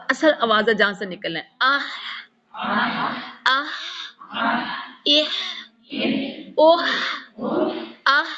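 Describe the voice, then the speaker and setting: A woman with a fairly high voice teaches Quran pronunciation, sounding out each letter slowly and repeating it for her pupils. She checks whether they follow as she goes. The recording is dull and lo-fi. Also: a bit bright. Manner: patient, instructive, asks pupils questions. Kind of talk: tajweed pronunciation lesson.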